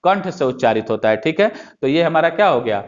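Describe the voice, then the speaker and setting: A man's voice: fairly high pitch, lively intonation, fairly quick. Man teaching, dull lo-fi sound. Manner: repetitive, asks questions then answers them. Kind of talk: classroom-style explanation.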